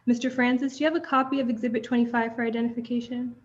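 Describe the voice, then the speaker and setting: A woman's voice: a little high, level tone. Young woman questioning in a lo-fi courtroom recording. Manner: measured, formal questioning. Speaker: trial advocate. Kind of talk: formal courtroom examination.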